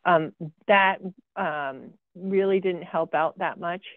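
A woman's voice: on the low side, slow pace, no echo. A woman giving a slide presentation about her research. She talks with frequent ums and dry, sarcastic asides. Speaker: guest speaker presenting research. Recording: tinny phone-like video call audio, dry.

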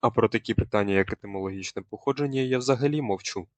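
A man's voice: on the low side, quick pace, no room sound. A young male student presenting a scripted language lesson, explaining a word and quizzing viewers in a teacherly way. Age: young adult.

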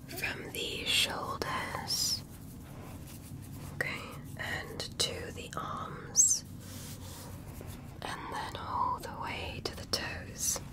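This is an ASMR medical roleplay in which a woman, as a gentle alien examiner, whispers softly near the listener, speaking slowly to reassure.

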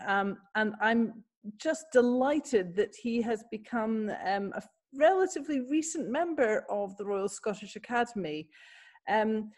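A woman's voice: mid-range voice, darkish tone. A woman in her fifties hosting an evening video talk, introducing the speaker with many fillers. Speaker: host. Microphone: laptop camera, video call.

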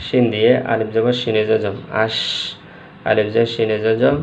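Man patiently drilling syllables, low and flat. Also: moderate pace, gravelly. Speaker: Quran reading teacher. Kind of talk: slow step-by-step recitation lesson. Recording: dull lo-fi recording with faint noise.

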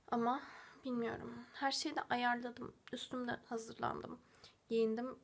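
A woman in her twenties from Turkey with a slightly husky, breathy voice, chatting casually to camera as a vlogger at home. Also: fairly high pitch. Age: 20s. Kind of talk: casual vlog chat to camera. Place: small furnished rooms at home.

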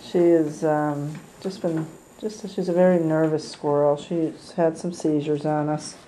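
A woman who rehabilitates squirrels, chatting gently on a casual video tour of an indoor room full of cages, recorded on a handheld camera mic. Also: low voice, little pitch movement, unhurried, a little hiss or hum, low-quality recording. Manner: gentle, chatty, coos at animals.

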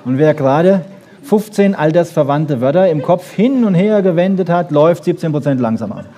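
With some chatter in the background, a man with a slightly high, mellow voice speaks animatedly at normal speed. He lectures informally on brain research to an audience, explaining conversationally through rhetorical questions and brief emphatic statements.

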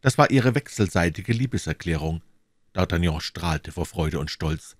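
A man narrating a classic novel as an audiobook, calm and measured, doing voices for the characters. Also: low voice, no echo, studio quality. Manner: calm, measured storytelling with many voiced parts.

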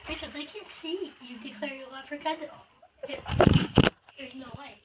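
A woman's voice: sits high, moderate pace, heavy background noise. A young woman with stuffy sinuses, chatting and teasing a friend in a casual vlog. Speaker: vlogger. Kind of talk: casual chat.

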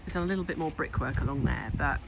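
This is a chatty walk-and-talk vlog: a woman outdoors on a garden building site, filming on a handheld phone and musing aloud about renovating her home. Her voice is low-pitched and she talks fast over a noisy background.

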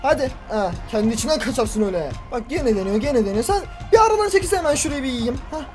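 Talking to himself and yelling at the game, an excitable male YouTuber narrates his gameplay in a let's-play video. He speaks fast at an extremely high pitch, with faint music behind him.

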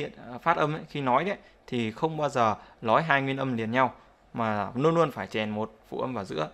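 A man's voice: mid-range voice, pushed and bright. A man teaching English pronunciation in a casual spoken lesson, explaining step by step and often checking that viewers follow.

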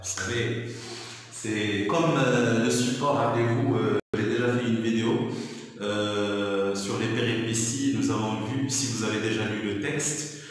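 A man's voice: lowish voice, steady tone, a little slow. A male teacher explaining a lesson to middle-school pupils, patient and repetitive, with many hesitations. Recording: echoey room, voice far from the mic.

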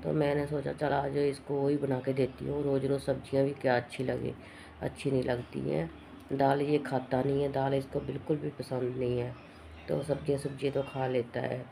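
A middle-aged woman with a hoarse throat from a cough, chatting casually and rambling through her day at home in a vlog. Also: extremely low pitch, little pitch movement, normal speed, dark tone, slight background noise. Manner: rambling, matter-of-fact. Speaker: vlogger.

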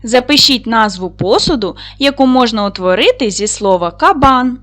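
A woman's voice: on the high side, animated, normal speed, a bit bright. A woman teaching a recorded lesson to young schoolchildren, asking them questions, answering them herself and praising them often.

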